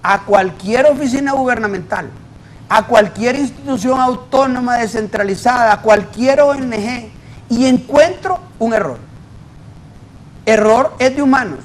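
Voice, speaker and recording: Male auditor guest, high-pitched, emphatic and explanatory. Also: unhurried, low-quality recording. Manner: emphatic, explains with worked examples. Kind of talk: debate in a TV interview.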